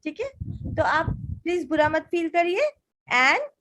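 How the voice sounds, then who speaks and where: A woman's voice: very high-pitched, big pitch swings, slow, a bit bright, poor audio. A young woman, an English teacher, reads viewer letters and answers them in an encouraging, casual mix of Hindi and English.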